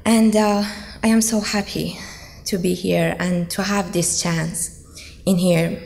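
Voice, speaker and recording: Earnest but hesitant and full of ums, this young Iranian student shares her personal testimony in a slow, gravelly voice that's fairly low, steady, and darkish. Long reverb from the echoey hall surrounds her words.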